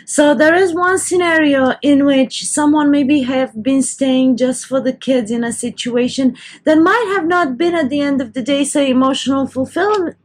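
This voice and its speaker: Chatty woman reading tarot, slightly high voice. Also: moderate pace. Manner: chatty, loose, with restarts and self-corrections. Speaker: tarot reader. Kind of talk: casual tarot reading to camera.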